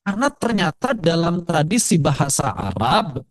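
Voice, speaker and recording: A man with an Indonesian accent teaching Quran recitation in a casual lecture, asking the class questions and slowing down to demonstrate words. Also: on the high side. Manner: lively, asks the audience questions; slows right down to demonstrate recitation.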